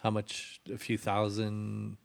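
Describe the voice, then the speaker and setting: A man's voice: fairly low pitch, monotone, slow pace, creaky. A man with a Québécois French accent, French his first language, co-hosting a radio show and chiming in with short, playful remarks. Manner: brief, playful interjections. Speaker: radio co-host. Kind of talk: casual on-air chat.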